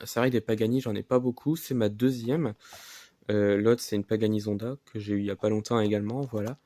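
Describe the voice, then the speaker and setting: A man presenting his new model cars in a casual vlog, halting and filling pauses often. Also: fairly low pitch, steady tone, mellow, dry recording. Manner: halting, many fillers and "voilà". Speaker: diecast collector vlogger. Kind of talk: casual show-and-tell vlog.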